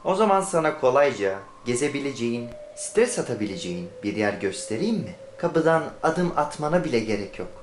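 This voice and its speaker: A man playing a smooth-talking pitchman in a parody advertisement, selling straight to the listener. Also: big pitch swings, fairly quick, hardly any pauses, natural voice. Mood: persuasive. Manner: persuasive sales pitch, addressing the listener directly. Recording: roomy and distant with faint noise.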